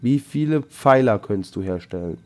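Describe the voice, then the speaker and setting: A man hosting a Let's Play, chatting casually with a co-op partner, excitable and joking, often exclaiming. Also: medium pitch, normal speed. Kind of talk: casual co-op gaming chat.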